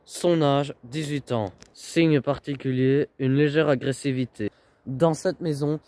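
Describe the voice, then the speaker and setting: A man giving scripted voice-over narration for a reality documentary, with dramatic, punchy phrasing and pauses. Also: mid-range voice.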